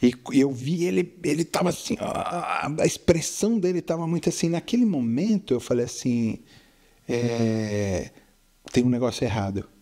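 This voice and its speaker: Storytelling father with a dark voice. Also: on the high side, moderate pace. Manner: lively storyteller, often checks in with "entendeu?". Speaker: co-host, father. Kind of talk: casual storytelling chat on faith.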